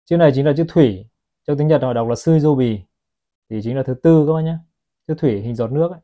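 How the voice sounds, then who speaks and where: A man talks quickly through a watch review, chatting straight to his viewers as he films close-ups. His voice sits at a middle pitch. The audio is slightly muffled and lo-fi, as if from a phone. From Vietnam. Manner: chatty, keeps addressing viewers as "các bác". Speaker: watch seller. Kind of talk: product review vlog.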